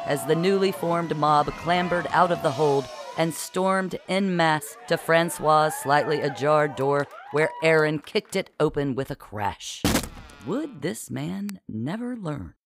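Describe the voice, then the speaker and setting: An audiobook narrator reading a comic pirate story in a lively, playful way. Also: mid-range voice, a little slow, few pauses, noisy background.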